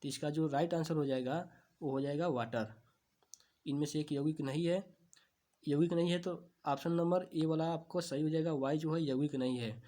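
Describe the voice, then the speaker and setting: A man teaching exam questions, asking each answer back as a question and then repeating it, stretching key terms slowly. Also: fairly high pitch, fairly even intonation, warm tone. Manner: slow, drawn-out stresses on key terms. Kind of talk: quiz-answer lesson.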